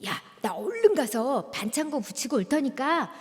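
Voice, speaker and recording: An impatient young boy pleads and insists that he has to go right now, voiced by a woman speaker. His words come out urgent and lively in pitch, and they echo through a large church hall. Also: normal speed.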